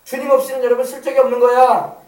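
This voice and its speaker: A man preaching a sermon as pastor, animated and emphatic, calling out for amens. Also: very high-pitched, fast talker. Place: church sanctuary. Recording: echoey church hall, mic at a distance.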